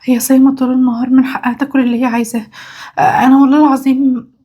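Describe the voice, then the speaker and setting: A woman playing a gentle, hurt young wife with an Egyptian accent, speaking softly through tears. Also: high voice, level tone, rapid-fire, slightly rough. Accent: Egyptian Arabic. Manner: soft, subdued, tearful.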